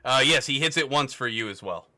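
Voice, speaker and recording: A man's voice: mid-range voice, lively intonation, brisk, sharp tone. A man narrating as game master in a tabletop game, casual and swearing with laughs.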